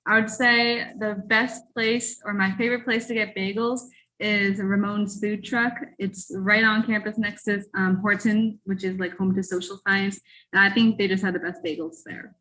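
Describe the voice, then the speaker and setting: A woman's voice: mid-range voice, fairly even intonation, normal speed, bright, forceful tone, low-quality recording. A young woman from Massachusetts speaking on a casual video call panel, friendly and chatty. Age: young adult. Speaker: student panelist. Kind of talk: casual livestream Q&A.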